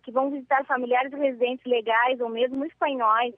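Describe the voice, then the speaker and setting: A woman's voice: high-pitched, steady tone, fairly quick, no room sound. A woman from Brazil with a Brazilian accent, a viewer formally reading out a prepared question. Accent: Brazilian Portuguese. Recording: dry, phone-like line.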